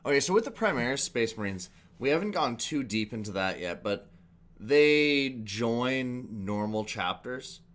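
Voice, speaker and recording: A man's voice: medium pitch, lively intonation, measured pace, fairly bright tone. A man in his thirties giving casual, off-the-cuff commentary as a reaction host in a room at home. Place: small room at home, indoors.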